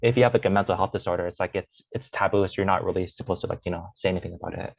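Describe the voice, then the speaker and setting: In a deep, racing voice with vocal fry, a young man talks as a guest in an informal personal conversation, stumbling through fillers and restarts. English is his native tongue and Chinese his second language. The lo-fi recording carries no room sound.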